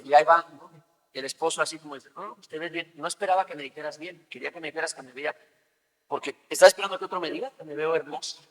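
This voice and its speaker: A pastor with a fairly high, somewhat bright voice preaches a sermon in a conversational style, acting out everyday scenes. The recording carries the long reverb of a large hall.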